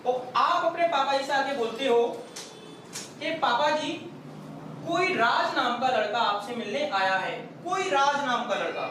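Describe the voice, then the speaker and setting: A male teacher giving a patient, step-by-step lecture and repeating each point slowly. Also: extremely high pitch, expressive. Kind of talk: classroom lecture. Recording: very echoey room, far from the mic, faint noise.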